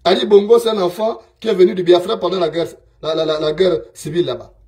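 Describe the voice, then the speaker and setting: A man's voice: high-pitched, steady tone, fast, warm tone. A man from Gabon, giving a scornful, emphatic political monologue full of repeated phrases.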